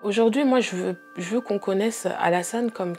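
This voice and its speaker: A woman giving an earnest documentary testimony as a bereaved sister. She speaks hesitantly, with frequent filler pauses. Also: mid-range voice, a little mellow, soft background music. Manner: earnest, emotionally heavy recounting.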